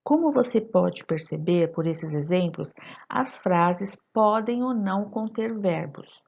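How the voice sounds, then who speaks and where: Teacher woman, mellow husky voice. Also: medium pitch, expressive, slow pace, lo-fi sound. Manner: didactic, addresses students directly with rhetorical questions. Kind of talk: recorded grammar lesson.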